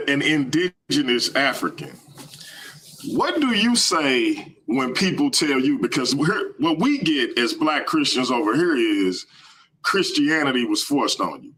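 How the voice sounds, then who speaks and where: A man hosting a live stream, talking casually in slangy, energetic bursts. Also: mid-range voice, rough recording.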